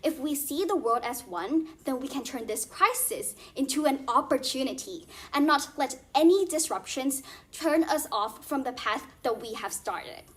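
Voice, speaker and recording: A young woman competing in a speech contest, delivering a formal, rehearsed speech in a stiff, memorized way with deliberate emphasis. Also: high-pitched, lively intonation. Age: young adult.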